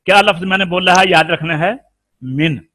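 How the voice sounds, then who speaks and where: A man from Pakistan teaching a Quran recitation lesson. He explains the rules slowly, chants Arabic examples, and quizzes his students. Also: sits high, pushed and bright, dry recording. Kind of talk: tajweed lesson.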